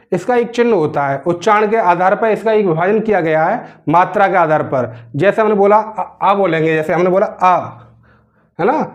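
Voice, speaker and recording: A man's voice: sits high, a little mellow. A male teacher giving a grammar lesson, asking questions and answering them himself, often checking in with his students. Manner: keeps checking in with "theek hai na". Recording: dull lo-fi recording.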